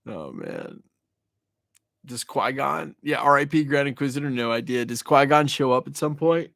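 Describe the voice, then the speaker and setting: A man hosts a late-night livestream, casually reading and answering viewer comments in loose, profane slang, joking and ranting to chat and calling viewers "y'all" and "bro." His medium-pitched voice is expressive and gravelly with a fairly bright tone, at a normal speed. The studio-quality recording is dry.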